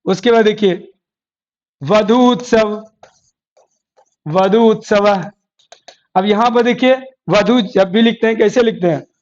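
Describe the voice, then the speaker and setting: A man leads an exam-prep lesson, repeating key terms and repeatedly putting questions to the class only to answer them himself, while working through examples on the board. His voice sits high and is a little mellow, at a moderate pace. The classroom recording is dull and lo-fi.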